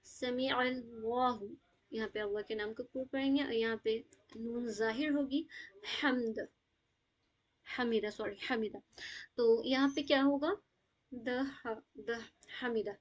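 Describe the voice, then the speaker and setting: High-voiced woman teaching tajweed. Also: dull audio. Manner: patient, explains step by step, mixing in English words. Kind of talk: live online Quran recitation lesson.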